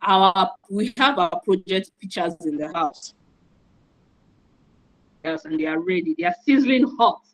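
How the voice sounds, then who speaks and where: A woman's voice: mid-range voice, animated, measured pace, vocal fry, long pauses, rough recording. A woman from Nigeria, hosting an online event in an enthusiastic, repetitive, encouraging way over a video call. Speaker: host and moderator.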